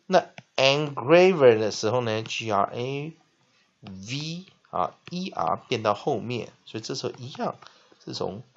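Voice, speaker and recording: A male teacher explaining English spelling, spelling words out letter by letter and repeating them slowly. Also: mid-range voice, animated, vocal fry. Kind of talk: classroom-style lesson explanation. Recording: dull lo-fi recording with faint noise.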